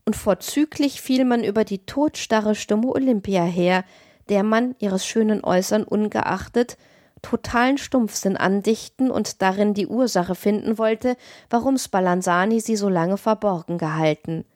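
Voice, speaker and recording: A woman narrating a classic tale as an audiobook reader, in a measured, expressive reading. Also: mid-range voice, no echo, studio quality.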